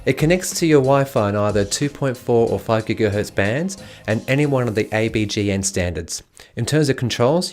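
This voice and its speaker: A man's voice: mid-range voice, a little mellow. Man reviewing gadgets over music. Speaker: tech reviewer and video host. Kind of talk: casual product review narration. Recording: music playing behind the voice.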